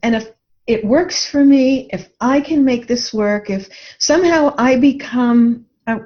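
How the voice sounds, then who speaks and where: Here a writer and coach appears as a podcast interview guest, her voice fairly high yet darkish in tone, her pace measured. She tells personal stories earnestly and reflectively, captured on dull lo-fi audio.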